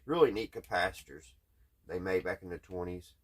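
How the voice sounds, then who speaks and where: A radio restoration hobbyist and vlogger with a Southern US accent narrates his repair work in a folksy, hesitant way, thinking aloud as he goes. His low voice is a bit bright with a breathy edge, lively intonation, and a moderate pace.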